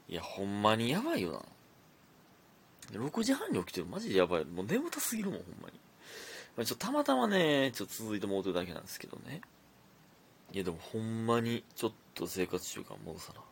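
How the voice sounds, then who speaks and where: A man's voice: on the low side, slightly rough. A young man with a Kansai accent hosting a casual solo podcast, chatting and reading listener messages aloud. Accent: Kansai Japanese. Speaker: podcast host.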